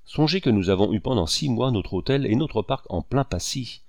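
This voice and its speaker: A man reading the lines of a cheerful, carefree male painter who talks in a lively, mocking way. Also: medium pitch, moderate pace, gravelly, no echo, studio quality. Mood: gleeful.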